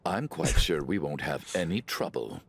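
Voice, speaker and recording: A man's voice: extremely low pitch, sing-song, moderate pace, gravelly, slightly rough, full character voice. A man voicing a sardonic, blustering older character in a video game.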